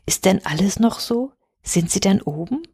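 A woman reading a storybook voices a young girl who asks eager, yearning questions, in a slightly gravelly, dry voice. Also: mid-range voice, lively intonation, moderate pace, a little mellow, dry recording. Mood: awed.

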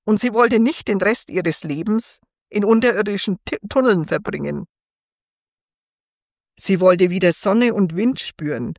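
A woman reading a fairy tale aloud for children in a gentle, expressive storytelling manner. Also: mid-range voice, unhurried, no echo, clean studio sound.

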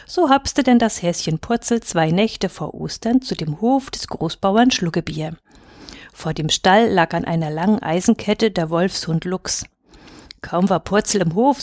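A woman narrating a fairy tale aloud in a measured, expressive storytelling manner. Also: on the low side, no echo, studio quality.

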